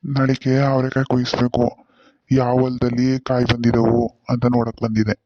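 A man voicing a flat-toned village grandpa. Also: mid-range voice, normal speed, dry recording, muffled recording, close to an everyday voice. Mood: coaxing. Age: older. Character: gentle old village grandfather. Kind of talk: cartoon voice acting.

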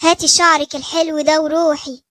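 Cackling egyptian cartoon witch, greedy and sneaky, squeaky high voice, dry close sound. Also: level tone, a little fast, fairly bright tone, dry recording. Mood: menacing. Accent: Egyptian Arabic. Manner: cackling, menacing. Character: greedy cackling female witch hunting a girl.

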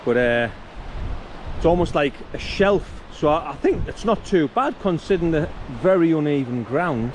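Animated but speaking at normal speed, a North East English man gives casual outdoor narration for his camping vlog. Filmed on a handheld camera at arm's length in a grassy hillside valley by a stream, the audio is noisy with wind and stream rumble in the background.

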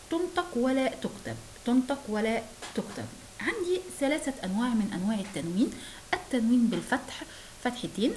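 A fairly high-voiced woman with an Egyptian accent teaches a recorded lesson to first-graders. She says each point again and again in a patient, slow way so small children can follow. A faint hiss sits under her voice. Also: a little mellow, low-quality recording. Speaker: primary school teacher.

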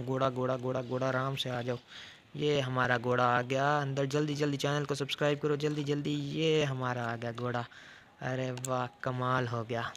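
Man, excited toy-play narration, exclamatory, steady pitch, faint background noise. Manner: excited, exclamatory, talks to toys like a child.

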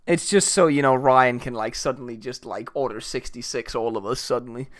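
A streamer chatting casually while playing a tabletop role-playing game, excitable and prone to loud bursts. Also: male voice, medium pitch, brisk. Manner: excitable, jumps into bursts of shouting. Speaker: streamer and player.

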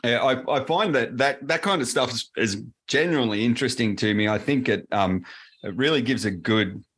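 A man with an Australian accent, a presales solution architect appearing as an interview guest, explains technology in casual answers. His mid-range voice moves at a moderate pace, fairly bright with a breathy edge. He rambles loosely, full of fillers and restarts.

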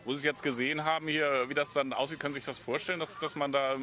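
A man's voice: fairly high pitch, steady tone, rapid-fire, bright, forceful tone. A male reporter asking short questions outdoors in a street interview. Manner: short prompts and backchannels.

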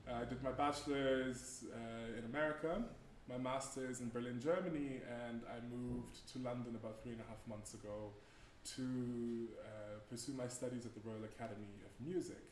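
A man's voice: medium pitch, steady tone, moderate pace. A young man from Canada introducing the program at a concert, friendly and hesitant with many fillers. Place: church hall. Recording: roomy church echo, faint noise.

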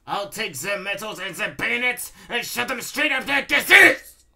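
A petulant tyrant baron from a storybook, acted out by a male narrator. He rants and sneers in a raised, forceful voice with wildly swooping pitch. He blusters like a raging villain. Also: lively intonation, slow pace, vocal fry, recorded from a distance, full character voice. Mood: furious, screaming. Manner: ranting, blustering.

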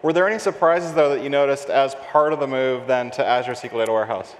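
On a large conference stage before an audience, a man in his forties hosts a tech interview through a headset mic, with an upbeat and affirming manner. His mid-range voice moves at a quick pace, and the sound carries a long reverb tail.

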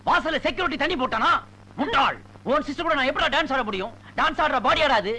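A man's voice: very high voice, expressive, quick pace, pushed and bright, heavily acted. An actor playing a snobbish, foreign-returned rich man who mocks and scolds his neighbours. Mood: sneering. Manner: mocking, scolding. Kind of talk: Tamil film comedy acting.

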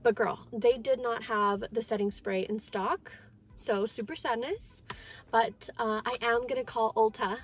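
A woman's voice: a little high, unhurried, slight background noise. Bubbly young woman vlogging from her car. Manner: bubbly and chatty, calls viewers girl. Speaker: beauty vlogger. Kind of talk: casual vlog chat. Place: parked car. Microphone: phone camera at arm's length.

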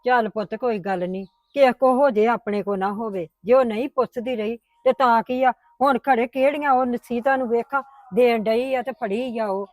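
Brief: a woman as a soothing grandmother, gentle, placating, raised pitch, dry close sound. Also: moderate pace, few pauses, dry recording, lightly acted. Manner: coaxing, placating. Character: patient grandmother, soothing mother-in-law. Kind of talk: family drama acting.

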